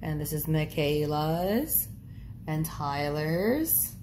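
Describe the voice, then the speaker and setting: Playful mother with a lowish voice. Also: lively intonation, very slow, darkish tone, slight background noise. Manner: playful, teasing, laughs often. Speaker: mother filming her kids. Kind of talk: casual family home video.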